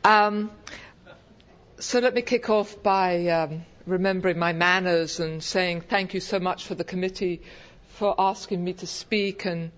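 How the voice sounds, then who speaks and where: A woman from England speaks in a fairly low, fairly even voice at a measured pace. As a guest speaker at a convention, she gives a wry, hesitant, self-deprecating humorous personal talk to an audience in a meeting room. The live event recording is dull and lo-fi.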